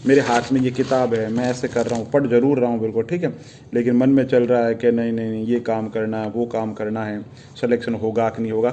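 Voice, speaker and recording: Brief: middle-aged male exam tutor, earnest and advising, mid-pitched voice. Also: darkish tone, a little hiss or hum. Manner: earnest, advising, addresses viewers as friends, repeats tag questions. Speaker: exam preparation teacher. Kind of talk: motivational study-tips talk to camera.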